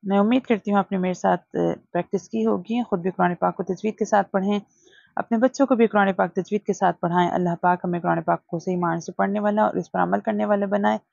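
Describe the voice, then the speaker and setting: A woman teaching Quran reading, drawing out each syllable slowly for practice, then explaining the rules quickly and dropping English phrases into her talk. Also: medium pitch, fairly even intonation, creaky, a little mellow, dry recording, lo-fi sound. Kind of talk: recorded reading lesson.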